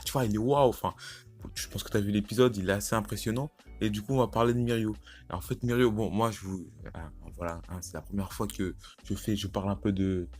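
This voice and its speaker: A teenage guy chatting casually about an anime, excitable and slangy, rambling with lots of restarts. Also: fairly low pitch. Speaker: YouTuber. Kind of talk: casual anime commentary vlog.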